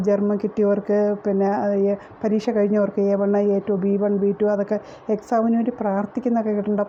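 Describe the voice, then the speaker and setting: A woman's voice: fairly high pitch, warm tone. A middle-aged woman who works as a teacher, recounting her experience in a rambling way with many fillers and restarts. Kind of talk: casual personal testimony. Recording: dull lo-fi recording with faint noise.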